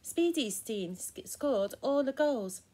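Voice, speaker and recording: Hosting story time, a woman reads a children's picture book aloud slowly in a high voice, gentle, expressive and encouraging throughout.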